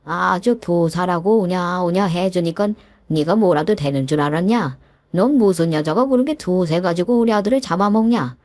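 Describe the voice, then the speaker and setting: A woman's voice: on the low side, moderate pace, a little mellow, no echo, natural voice. A woman voicing an angry, domineering older father-in-law who scolds his daughter-in-law in a narrated story. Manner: scolding, gruff and bossy.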